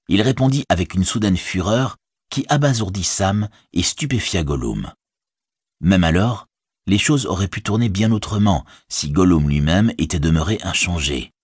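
A man narrating a fantasy audiobook in a measured, expressive reading voice. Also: low-pitched, breathy edge, no room sound, studio quality.

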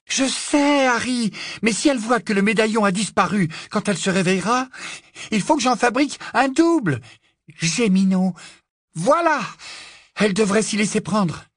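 A man voicing a quick-witted, anxious teenage girl witch in an audiobook, talking briskly. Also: sits high, lively intonation, a bit bright, no room sound, clean studio sound, voice pushed up.

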